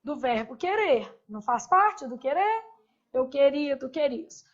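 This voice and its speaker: High-voiced woman teaching grammar. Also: very animated. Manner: spells out verb forms slowly, asks the class rhetorical questions. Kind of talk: classroom grammar lesson. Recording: dull, lo-fi lecture recording.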